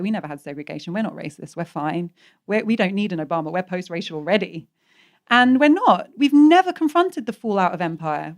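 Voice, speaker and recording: A woman, speaking as an author on a live discussion panel in a wry, lively way, slipping into mock voices. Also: fairly low pitch. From Britain. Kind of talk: live public conversation.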